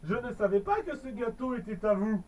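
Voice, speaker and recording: A greedy, cheerful little elf from a storybook, as a man puts him on, talking in a playful sing-song. The voice sits high. It sounds a bit off-mic. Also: brisk, darkish tone, far from the mic, low-quality recording. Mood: helpful.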